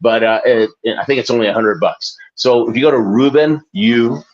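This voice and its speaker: Heard through a muffled recording, a forties-aged Olympian and author speaks as an interview guest at medium pitch and a moderate pace. He's relaxed and meandering, self-deprecating, with frequent laughter.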